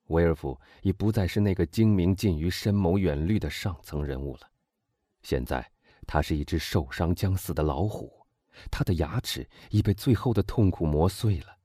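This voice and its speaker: A man narrating a novel aloud in a dramatic way, rising in tense moments and sinking to a hush. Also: sits low, breathy edge, no room sound, clean studio sound. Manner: dramatic, swelling and dropping to a hush. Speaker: audiobook narrator. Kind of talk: scripted narration.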